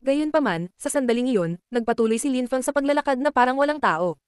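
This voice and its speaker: Fast high-voiced woman narrator. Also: animated, clean tone, dry recording, studio quality. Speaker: audiobook narrator. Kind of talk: fast web-novel narration.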